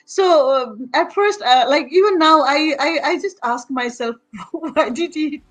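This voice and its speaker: A woman from Nepal with a high, light voice speaks over a video call. She talks in a relaxed, halting way, full of fillers and restarts. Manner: hesitant, many fillers and restarts, laughs often. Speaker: guest. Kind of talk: casual video-call chat.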